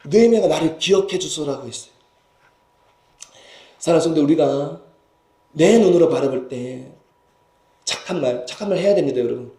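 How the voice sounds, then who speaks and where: A man's voice: a little high, normal speed, pauses often, warm tone. A man preaching a Sunday sermon as senior pastor, emphatic and full of rhetorical questions to the congregation. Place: church sanctuary. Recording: echoey church hall.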